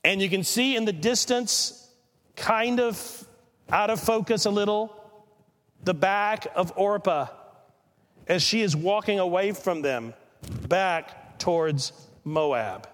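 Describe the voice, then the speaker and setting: A man preaching a sermon, retelling a scripture story dramatically with pauses and emphasis. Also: high-pitched, a bit bright, in a large hall. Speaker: pastor.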